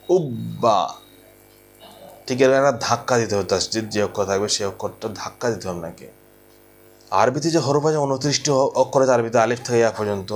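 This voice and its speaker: A man teaching a recorded Quran reading lesson at a board. He patiently repeats each point and slowly draws out the sounds he demonstrates. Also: medium pitch. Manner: slow, drawn-out demonstration of sounds.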